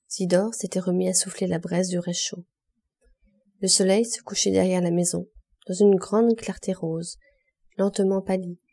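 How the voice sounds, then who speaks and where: A woman narrating a classic novel as an audiobook reader, measured and expressive in short phrases. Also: lowish voice, husky. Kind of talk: scripted literary narration.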